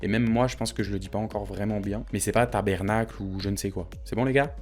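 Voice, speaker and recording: A man's voice: on the low side, steady tone, fast, darkish tone, soft background music. A young man from France with a French accent, talking casually and jokingly to his viewers in a vlog. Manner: joking, chatty, addresses viewers as tu. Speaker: vlogger. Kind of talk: casual direct-to-camera vlog.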